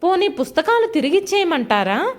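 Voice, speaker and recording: A timid young wife in a storybook drama, hesitant and pleading as she defends herself, voiced by a woman narrator. Her voice sits high and moves a lot. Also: big pitch swings, normal speed. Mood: hurt.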